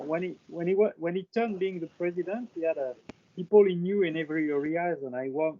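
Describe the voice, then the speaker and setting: French guy on a video call, kinda high voice, lots of uhs and restarts, muffled lo-fi sound. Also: warm tone. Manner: hesitant, many fillers and restarts. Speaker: presenter on France in a video call. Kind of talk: casual chat. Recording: dull lo-fi call audio.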